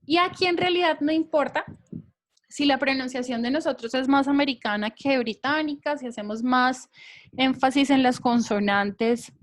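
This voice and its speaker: A woman with a high voice leads an English class. She explains things patiently and keeps checking that her students are following. She speaks into a computer mic for a recorded online class. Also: moderate pace. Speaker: English teacher.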